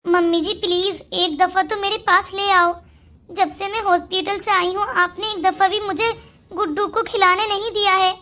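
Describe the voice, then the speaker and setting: Someone doing a soft pleading young cartoon mom, very high and bright. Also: level tone, normal speed, full character voice. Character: gentle young mother, recovering and pleading.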